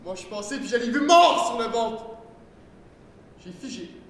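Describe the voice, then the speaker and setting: Un élève à l'joue un jeune homme ébranlé qui raconte avec hésitation une mort qu'il a vue. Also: male voice, very high voice, expressive, fairly bright tone, far from the mic, heavily acted. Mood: shaken. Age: teens. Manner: slow, halting confession. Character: shaken young man, haunted by a death. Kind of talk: school stage play. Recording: echoey hall, faint noise.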